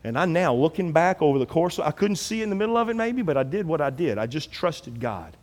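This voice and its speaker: A man preaching a sermon as pastor, animated and acting out quoted biblical figures in his own voice. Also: a little high, a little fast, in a large hall.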